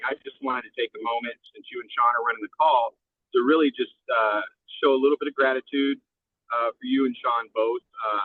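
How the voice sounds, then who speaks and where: Man, car speakerphone, tinny phone line, dry sound, halting with uhs. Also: medium pitch, no echo. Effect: car speakerphone call. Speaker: team member calling in. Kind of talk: casual thank-you on a group call.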